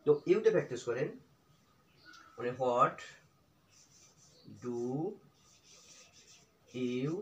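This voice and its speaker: A middle-aged man teaching English, drilling example phrases slowly and repeating each with its translation. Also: mid-range voice, fairly bright tone, highs cut off. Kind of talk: spoken English lesson in Bengali. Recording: echoey room.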